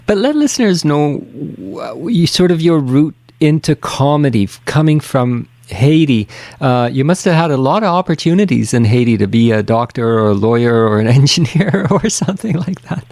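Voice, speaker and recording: A man's voice: a little high, animated, moderate pace, a little mellow, no room sound. Chatty male radio host, very dry sound. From Tanzania. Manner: rambling, chatty, many restarts. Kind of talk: casual interview chat.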